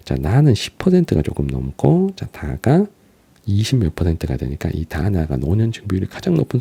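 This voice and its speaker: A man's voice: sits low, vocal fry, mellow, breathy edge. A man teaching a geography lecture, walking through an exam graph and asking students questions as he goes. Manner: starts phrases with a drawn-out "ja", asks students questions.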